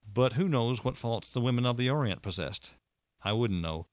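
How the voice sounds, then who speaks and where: A man's voice: mid-range voice, animated, normal speed, dry recording. A man narrating a first-person audiobook in a dry, wry storytelling manner.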